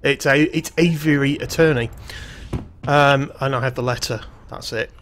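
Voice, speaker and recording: A man's voice: mid-range voice, moderate pace, fairly bright tone, slight background noise. A man streaming a game, reading the on-screen text aloud and adding wry, jokey asides in a casual let's-play style.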